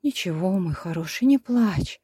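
A woman's voice: medium pitch, normal speed, no room sound, studio quality, lightly acted. Woman voicing a desperate young mother. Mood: tender. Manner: tense, pleading.

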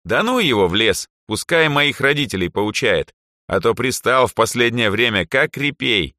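A bubbly teenage drow girl, put on by a man reading a storybook, bouncing high and lively through every line. She teases and pushes in a bright, eager voice. The sound is dry and close. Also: moderate pace, dry recording. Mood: cheerful, teasing.

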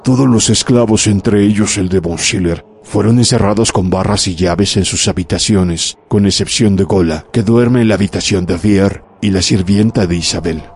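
A man's voice: low voice, normal speed, hardly any pauses, darkish tone, breathy edge. A man voicing a stern older commander, firm and authoritative, in a horror audiobook.

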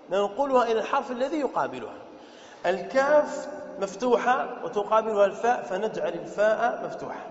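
A man teaching a classroom lesson step by step, repeating points, quizzing his listeners and slowing down to spell out pattern words. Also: sits high. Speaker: sheikh teaching Arabic morphology. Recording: dull, echoey hall with faint noise.

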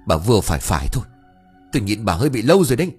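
A man voicing a young second wife who is calm but firm and answers back curtly. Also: medium pitch, a little fast, slightly rough. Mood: retorting. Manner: sharp, curt comebacks. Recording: faint background music.

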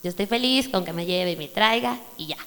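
A woman with a Mexican Spanish accent, giving a sermon testimony in a church service and telling her story in an animated way. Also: medium pitch, brisk. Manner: animated storytelling, addresses listeners as brother. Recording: reverberant hall with mains hum.

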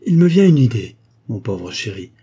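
A scheming young actress, as a male reader puts her on, coaxing and caressing in a storybook reading. The voice sits higher than his own yet stays mellow and a little husky. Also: animated, normal speed.

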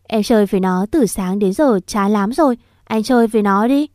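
A woman's voice: medium pitch, warm tone, dry recording, studio quality, lightly acted. A woman voicing a whiny little village girl who tattles and cries easily. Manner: pleading, quick to cry.

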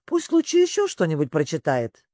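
A storybook reader voicing a fussy, excitable male griffin who grumbles. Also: medium pitch, normal speed, no room sound, clean studio sound.

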